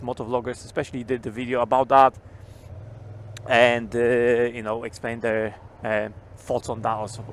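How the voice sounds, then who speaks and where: A man vlogging while riding a motorcycle through city traffic, talking inside his helmet into a helmet mic in a rambling, casual way with frequent swearing. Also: medium pitch. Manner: rambling, swears casually, repeats key words.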